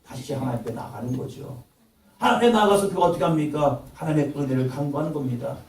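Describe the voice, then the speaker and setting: A man preaching a sermon as pastor, with impassioned delivery that swells to loud, urgent peaks. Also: fairly high pitch, quick pace, roomy sound, recorded from a distance, poor audio. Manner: impassioned preaching, acts out God's voice with sudden loud rises. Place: church sanctuary.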